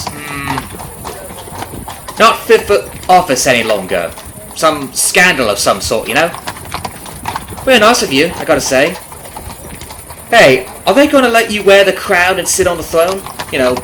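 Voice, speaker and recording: The man's natural, fairly high voice carries the role of a nosy, falsely friendly substitute carriage driver, addressing the listener in an ASMR roleplay audio drama. He rambles folksily, hesitating and tossing in mock-innocent asides with sly undertones. Behind him, a horse clip-clops and the carriage rattles noisily.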